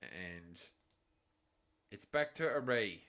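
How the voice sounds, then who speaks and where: A man with an Australian accent giving a live cricket reaction commentary, shifting between excited calls and chatty asides. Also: fairly low pitch, slow.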